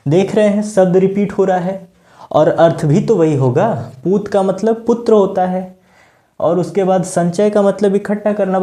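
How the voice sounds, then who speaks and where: A man teaching a Hindi grammar lesson, explaining patiently, repeating key words and reciting verse lines slowly. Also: sits high, mellow.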